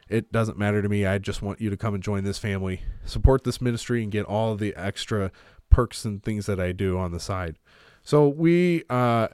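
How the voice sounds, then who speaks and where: Congested with a cold, a pastor podcasting about theology speaks in a fairly low, slightly mellow voice, rambling along with frequent "uh" fillers and false starts. Clean studio sound, no room sound.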